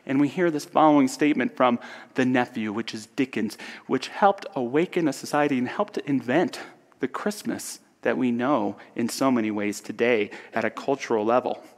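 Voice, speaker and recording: Man with a mid-range voice, soft and earnest, giving a reflective spiritual talk in a long-reverb hall. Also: medium pitch, normal speed. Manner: soft, earnest, drops to whispers. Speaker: speaker.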